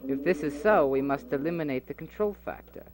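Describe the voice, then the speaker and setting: With a crowd audible behind him, a man with a slightly high voice speaks briskly in a home-made audio drama. He's an amateur performer voicing several characters, earnestly debating philosophy while stumbling through repeated restarts, all under the faint hiss of an old cassette.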